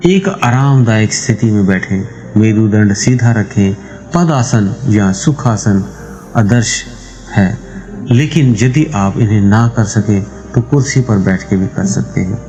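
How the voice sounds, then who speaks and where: A man hosting a meditation channel, explaining a meditation practice step by step in a calm, measured, instructive way. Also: lowish voice, poor audio.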